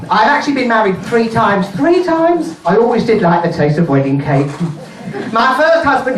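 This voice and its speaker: A man with a high, fairly bright voice plays a pantomime dame, a cheeky middle-aged widowed nurse, doing stand-up at an indoor charity show before a live audience. He's mock-mournful and saucy, pausing deliberately on his gags, and the distant mic catches a roomy live venue.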